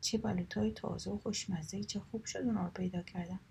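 A woman's voice: medium pitch, steady tone, vocal fry, a little mellow, a little hiss or hum, close to an everyday voice. A woman voicing a big, greedy male bear in a children's story, pleased with himself. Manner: pleased, laughing off complaints.

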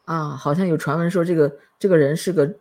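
A woman's voice: low voice, fairly even intonation, a little fast, a little mellow. A woman hosting a podcast in casual chat, chatty and laughing often. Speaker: podcast host.

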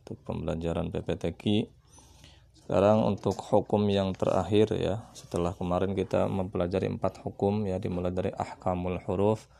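Gravelly low-voiced male Quran teacher. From Indonesia. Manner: relaxed explaining with frequent "ya", chants verses slowly. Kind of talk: casual Islamic lesson.

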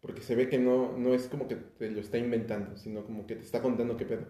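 A man's voice: mid-range voice, level tone, fast talker, dark tone. A young Mexican man chatting casually about an album, hesitant and full of fillers and restarts. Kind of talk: casual podcast chat about music. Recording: echoey room.

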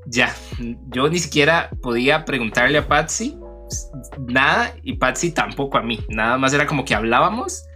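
A Costa Rican man in his twenties co-hosts a podcast with a bright, forward voice at a medium pitch. He talks casually and personally, switching between Spanish and bits of English. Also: expressive, normal speed, soft background music. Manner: mixes English words into Spanish, Spanglish. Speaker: podcast co-host.

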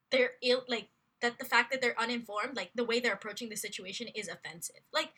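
A young woman in her late teens co-hosting a casual podcast chat, animated and quick to react. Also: on the high side, slightly rough. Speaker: podcast co-host.

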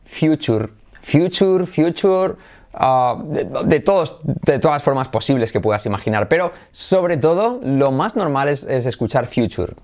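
Man, spanish accent, middle-aged, english teacher, video lesson, lively, repeats practice words. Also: mid-range voice, moderate pace, few pauses. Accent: Spain.

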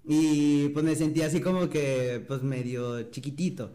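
A man's voice: a little high, little pitch movement, moderate pace, dark tone. A young man from Mexico, a guest in a casual interview, telling an anecdote and mimicking other people's voices. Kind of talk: casual storytelling.

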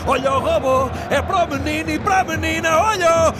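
A man giving fast, dramatic football commentary, with shouted, drawn-out exclamations. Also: very high-pitched, loud music behind the voice. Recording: very noisy stadium-style crowd roar.

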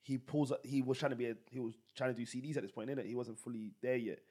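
Fast, husky London roadman. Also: mid-range voice, fairly even intonation, dark tone. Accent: London, street slang. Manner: slangy, emphatic, repeats phrases. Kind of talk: animated casual podcast chat about music.

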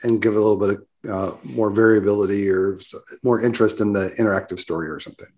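A man's voice: fairly low pitch, fairly even intonation, quick pace, a little mellow. A man co-hosting a casual tech podcast, checking his understanding by restating ideas in his own words. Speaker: co-host.

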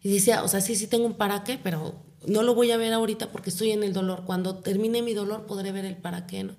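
A woman's voice: medium pitch, fairly even intonation, fast talker, darkish tone. A middle-aged Mexican woman, a foundation founder, telling her personal story in an interview and ending nearly every phrase with a tag question.

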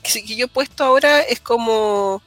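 A woman's voice: a little high, normal speed, faint music behind. A young woman with a Chilean accent, co-hosting a podcast in casual chat, rambling through restarts and local slang. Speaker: podcast co-host.

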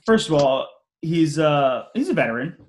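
A man's voice: fairly high pitch, sing-song, normal speed. A young man hosting a casual podcast, rambling with many fillers and restarts and using slang like "yo" and "y'all". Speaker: podcast host.

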